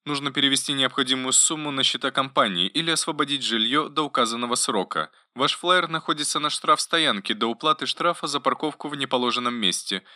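Gentle caring female robot helper, voiced by a man, bright tone, dry close sound, polite and soft. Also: medium pitch, a little fast, few pauses, no echo, pitched above the performer's own voice. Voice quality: pleasant, solicitous voice. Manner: softly attentive, politely informative. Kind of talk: audiobook narration.

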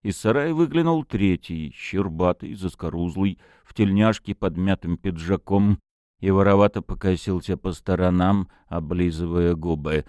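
A man narrating an audiobook in an expressive storytelling manner. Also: low-pitched, normal speed, no room sound, studio quality.

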